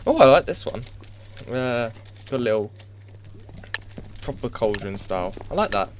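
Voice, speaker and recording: With game music in the background, a man gives loose, chatty gameplay commentary into a headset mic, talking and joking to himself, mocking himself, and frequently starting over. He's a gaming YouTuber whose mid-range voice has a sing-song quality at a moderate pace, over a little hiss or hum.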